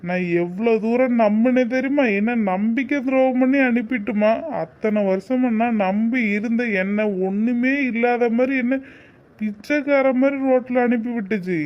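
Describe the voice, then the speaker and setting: A man's voice: very high voice, moderate pace. Cartoon: a resentful young man, angry and cold, dull lo-fi recording. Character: bitter young village man, disowning his mother.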